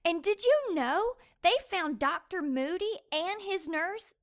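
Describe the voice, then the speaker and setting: In an audio drama, a woman voices a suspicious, frightened young small-town woman, accusing and confronting someone in a nervous mood. Her delivery is extremely high, lively in intonation, slow and heavily acted.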